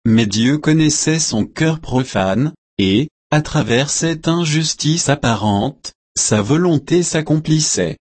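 A man reading scripture and then giving devotional commentary in a measured, solemn way. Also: a little high, lively intonation, darkish tone, slightly rough, dry recording. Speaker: Bible reader and commentator.

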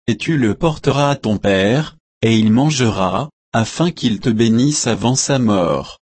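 Scheming mother read by a man; slow, dry, unvoiced. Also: mid-range voice, animated, a little mellow, breathy edge, no echo. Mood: urging. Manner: plain solemn reading. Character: mother scheming for her favorite son.

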